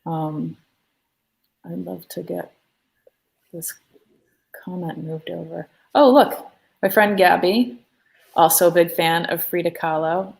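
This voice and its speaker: An adult woman with a darkish, somewhat low voice and vocal fry hosts a live art class from her studio. She takes it slowly and pauses often, talking off the cuff with lots of fillers and side comments, never reading from a script. The audio quality is rough.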